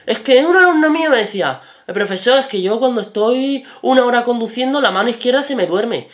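A man's voice: very high-pitched, animated, brisk, a bit bright, pitched above the performer's own voice. A man voicing a crude small-town male driving instructor who talks oddly and bluntly. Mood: joking. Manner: odd mumbling talk, blunt.

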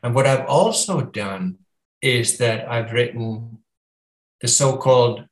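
Slow-talking Finnish-accented man. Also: mid-range voice, echoey room, low-quality recording. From Finland. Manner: slow, thoughtful, with halting restarts. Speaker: guest author. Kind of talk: casual conversation.

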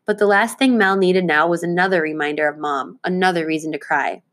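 Teacher reading a chapter book aloud to students, lowish voice, clear and expressive. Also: female voice, brisk.

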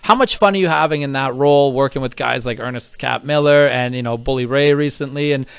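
A man's voice: mid-range voice, brisk, creaky, clear, resonant tone, no echo. A man interviewing a guest in a casual, enthusiastic, fan-like way.

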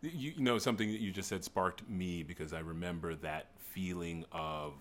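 A man interviewing casually as host, with animated, rambling, digressive storytelling. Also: low voice, normal speed, slight background noise.

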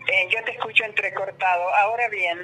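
Voz de mujer rioplatense, amable y agradecida, que llega por una línea telefónica entrecortada y llena de cortes. La conexión falla y vuelve, y por debajo se oye el rumor de gente alrededor. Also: female voice, medium pitch, steady tone, brisk. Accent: Rioplatense Spanish. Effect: choppy, breaking-up phone call. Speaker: guest on a radio show. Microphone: telephone. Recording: cutting-out phone line with crowd noise.

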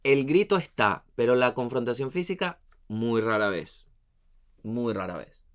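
A man from Venezuela with a Venezuelan accent, telling comic stories in an animated, slangy, profane way that trails off into muttered asides. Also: mid-range voice, a little slow. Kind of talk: comic storytelling monologue.

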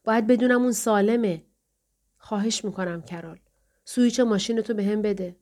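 A woman's voice: medium pitch, a little mellow, natural voice. Give me a desperate young mother from an audiobook, urgent and pleading, read by a woman.

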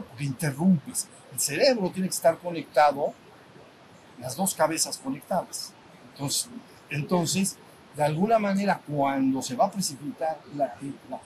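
Man teaching over steady rumble. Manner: conversational, full of restarts, checks in with listeners, acts out sounds. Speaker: spiritual retreat teacher. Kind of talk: informal retreat lecture. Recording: steady background rumble and noise.

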